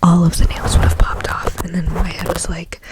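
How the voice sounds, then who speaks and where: A woman of thirty with a slightly nasal voice, doing fast, aggressive ASMR as rambling, chatty whispered asides close to the microphone. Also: fairly low pitch, level tone. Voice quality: slightly nasal from a recent cold. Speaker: ASMR creator. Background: scratching on the mic cover.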